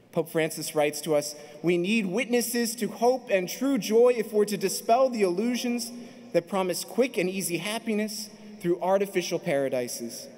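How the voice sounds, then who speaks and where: A man in his thirties gives a fervent sermon from a pulpit microphone, his voice high for a man. He builds phrase by phrase to emphatic peaks. The sound carries a long, spacious arena reverb. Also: darkish tone. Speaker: priest. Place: large indoor arena. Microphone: stand mic at pulpit.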